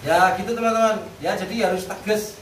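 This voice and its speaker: A man's voice: high-pitched, steady tone, brisk, a bit bright. A man chatting casually and earnestly about setting firm rules for dogs. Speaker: guest dog owner. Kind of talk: casual chat about dog training. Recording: roomy, distant mic, faint noise.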